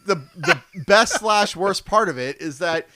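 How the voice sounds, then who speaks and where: Man, podcast co-host, casual storytelling, fairly high voice, dry close sound. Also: unhurried, no room sound. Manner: animated storyteller, laughs often, acts out voices. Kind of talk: casual chat.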